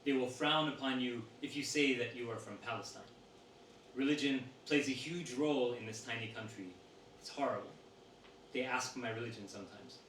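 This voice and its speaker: Man, steady measured reading voice, echoey room, distant mic, faint hiss. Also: medium pitch. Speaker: reader of interview answers. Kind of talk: reading a text aloud to an audience. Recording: roomy sound from a distant mic with faint noise.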